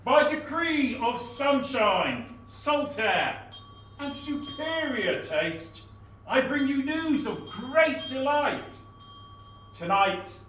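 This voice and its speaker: Man as a booming, theatrical town crier. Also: heavily acted. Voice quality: loud voice. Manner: booming town crier proclamation, drawn-out pompous phrases. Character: proud, theatrical town crier proclaiming island festivities. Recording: very echoey hall, distant mic, faint noise.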